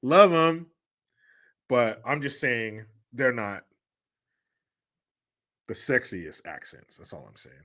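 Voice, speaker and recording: Man, live streamer, relaxed profane banter, bright clear voice, mid pitch. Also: takes it slowly, long pauses. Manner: laid-back, profane banter. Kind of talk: casual live stream chat reading viewer messages.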